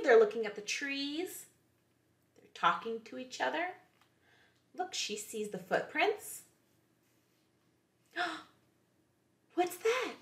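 A woman's voice: high-pitched, a little mellow, echoey room. A woman, a children's librarian, reading picture books aloud to young kids in a playful way, often asking them questions.

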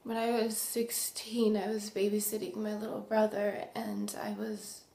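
A young woman acting a remorseful recovering addict in a dramatic monologue, halting and full of tragic sorrow. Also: medium pitch, monotone, vocal fry, mellow. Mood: subdued, ashamed. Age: young adult. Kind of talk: dramatic monologue, naturalistic confession. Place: small indoor room. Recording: roomy echo.

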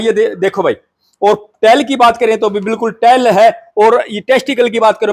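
A man from India hosting a buffalo farming channel, talking to viewers in a folksy, friendly way. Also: high-pitched. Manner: folksy, addresses viewers as brothers. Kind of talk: casual farm interview.

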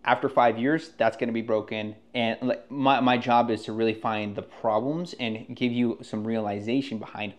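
A man's voice: medium pitch, steady tone, moderate pace, hardly any pauses. A man working as a real estate agent, talking casually and rambling with frequent restarts. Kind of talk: casual podcast talk.

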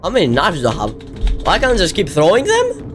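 A young man giving casual, excitable let's-play commentary, often yelling at the game. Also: high-pitched, a little fast, soft background music. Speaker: gaming video creator.

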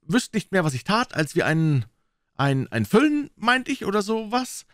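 A man's voice: high-pitched, big pitch swings, moderate pace, no room sound, clean studio sound, pitched above the performer's own voice. A man voicing a pious, emotional elderly aunt who keeps calling on God. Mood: fervent. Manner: fervent, exclaiming, invoking God.

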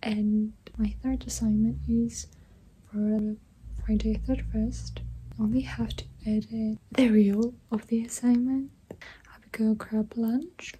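Hoarse whispering young woman from Greece. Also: fairly high pitch, flat delivery, slow pace, poor audio. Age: 20s. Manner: softly whispered, breathy delivery. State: voice gone, hoarse. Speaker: exchange student vlogger. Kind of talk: casual vlog talk to camera. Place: small bedroom, indoors. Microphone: phone camera at arm's length.

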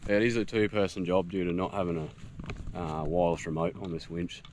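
His voice sits low and moves fairly quickly as this Australian vlogger in his thirties walks through a homemade build. He gives a casual, practical how-to with frequent fillers in a grassy bush camp, with outdoor noise in the background.

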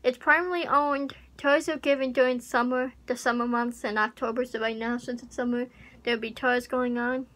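This young YouTuber talks fairly quickly in a steady, fairly high and slightly bright voice, rambling unsurely with many fillers in a casual vlog chat. A webcam captures her up close in her small pink bedroom, and the poor home recording carries air conditioner hum.

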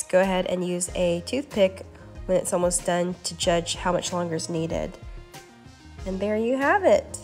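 A woman hosting a cooking channel, talking through recipe steps in a relaxed, instructive voice-over. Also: lowish voice. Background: faint background music.

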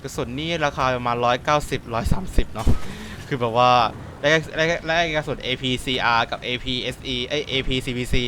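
A man giving casual commentary on his own tank game match, excitable, often exclaiming and swearing. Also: medium pitch, fairly quick, few pauses, a little hiss or hum. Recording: voice over loud game gunfire and engines. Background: tank game artillery and vehicle sounds.

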